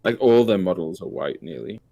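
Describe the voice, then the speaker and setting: Deep-voiced British man. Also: sing-song, brisk, gravelly, dark tone. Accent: British English. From England. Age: 30s. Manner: hesitant, many fillers, laughs easily. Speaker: podcast co-host. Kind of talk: casual chat.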